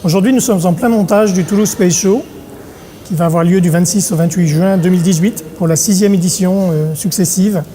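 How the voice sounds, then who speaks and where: A middle-aged man from Paris, an event organizer talking in an interview, pausing often on filler sounds. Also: high voice, dark tone, slight background noise. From Paris, France. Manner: hesitant, many filler sounds. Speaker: congress organizer. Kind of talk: interview monologue.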